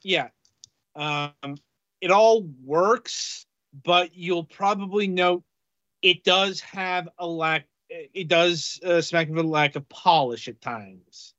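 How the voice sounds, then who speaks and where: A man co-hosting a casual game-review podcast, talking haltingly with many fillers. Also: high-pitched, a bit bright, no room sound, lo-fi sound. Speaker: podcast co-host reviewing games.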